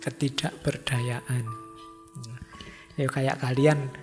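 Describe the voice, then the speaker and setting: A middle-aged man giving an informal philosophy study lecture, telling lively stories with acted quotes. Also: mid-range voice, extremely slow. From Indonesia. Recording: music under long hall reverb.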